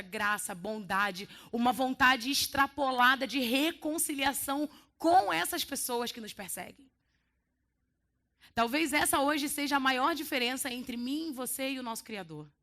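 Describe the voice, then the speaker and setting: Bright-voiced Brazilian woman preaching a sermon. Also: high-pitched. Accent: Brazilian Portuguese. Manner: lively storytelling with playful quoted voices. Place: church hall.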